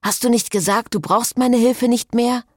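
A woman's voice: fairly high pitch, fairly even intonation, normal speed, a little mellow, dry recording, studio quality, pitched above the performer's own voice, natural voice. A woman doing a sarcastic worn-out ex-priest. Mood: strained. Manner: sarcastic, strained. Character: exhausted, sarcastic young male ex-priest.

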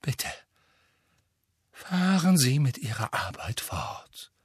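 A man voicing a theatrical, tearful female seer and teacher, who mutters darkly and drops into hushed whispers. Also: medium pitch, wildly swooping pitch, slow pace, slightly rough, dry recording, studio quality, exaggerated voice. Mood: indignant.

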